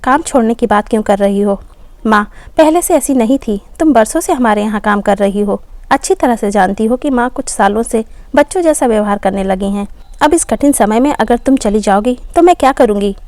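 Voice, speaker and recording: A woman's voice: on the high side, a little fast, darkish tone, no echo, lightly acted. A woman voicing a tired working daughter, exasperated and pleading with her mother and maid. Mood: coaxing. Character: weary young working daughter, tearful and frustrated.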